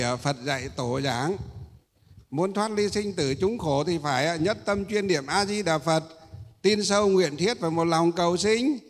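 A male Buddhist monk giving a sermon. He pauses often on drawn-out "uh" sounds and asks rhetorical questions that he then answers himself. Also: a little high. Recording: echoey hall.

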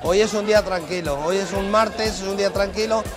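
A middle-aged restaurant manager from Zamora, Spain, wears a lapel mic and gives the camera a guided tour of his busy terrace restaurant, set under a tent at night. His voice sits high and moves a little fast over a noisy crowd. Background music plays beneath him.

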